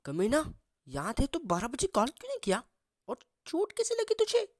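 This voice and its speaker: Ritu, a man doing an excitable teasing young woman. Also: fairly high pitch, measured pace, dry recording, clean studio sound.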